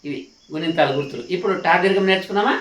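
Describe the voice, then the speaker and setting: Male teacher, high-pitched, patient and repetitive, echoey room, distant mic. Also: fairly bright tone. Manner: slow, patient, repeats and asks learners to follow. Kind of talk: classroom lesson.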